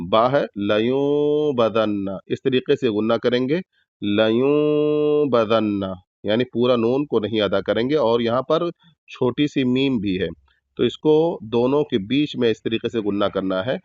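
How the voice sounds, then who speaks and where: A man's voice: medium pitch, no room sound. Patient male recitation teacher, dull dry sound. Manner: patient, explains slowly, repeats words as drawn-out recitation examples. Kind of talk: step-by-step tajweed lesson.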